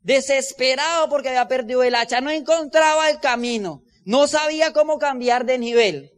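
A man giving an emphatic motivational convention speech, telling stories and building up his points slowly. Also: very high voice, smooth, big-room sound. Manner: preachy, storytelling, emphatic slow build-ups. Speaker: motivational business speaker. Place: large convention hall.

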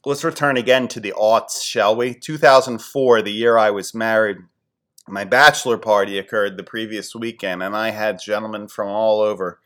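A podcast host in his forties from the Philadelphia area tells casual, rambling, self-deprecating stories in a monologue. His pitch is fairly low and his pace moderate, and he gets animated when quoting his friends.

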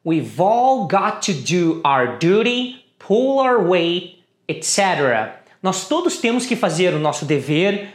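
Slow, lively-voiced woman teaching pronunciation. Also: fairly low pitch, reverberant. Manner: slow, deliberate model sentences repeated twice. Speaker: English teacher. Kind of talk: pronunciation lesson.

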